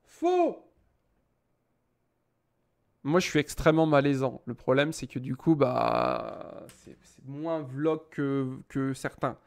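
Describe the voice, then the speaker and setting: A man's voice: mid-range voice, steady tone, unhurried, gravelly, few pauses. A young man casually reviewing a webcam at his home desk, joking, rambling and swearing as he sets it up. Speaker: tech YouTuber. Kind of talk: casual product review vlog.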